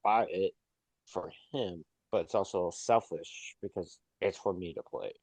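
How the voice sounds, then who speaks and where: A man's voice: low voice, unhurried, darkish tone, dry recording. A man in his thirties in a casual podcast chat who jokes and teases. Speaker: podcast co-host.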